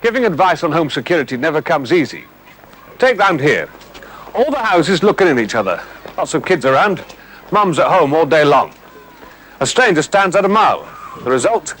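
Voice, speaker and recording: In a 1970s television crime prevention film, a British-accented man delivers colloquial, matter-of-fact scripted advice. His somewhat high, slightly bright voice swings widely in pitch at normal speed, with frequent pauses. The soundtrack is faintly noisy.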